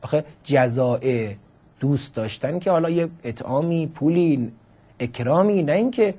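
A man's voice: a little high, warm tone. A man teaching Arabic grammar in a classroom lecture, explaining the text line by line with questions and emphatic stresses.

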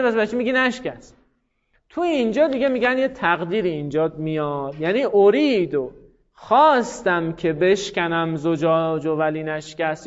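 A man's voice: sits high, muffled recording. A man giving a classroom grammar lecture, explaining step by step and putting questions to his students. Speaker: teacher of Arabic grammar.

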